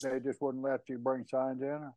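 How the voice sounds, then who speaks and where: A man's voice: medium pitch, level tone, moderate pace, warm tone, dry recording. A man hosting a casual interview, asking jokey questions. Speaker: host.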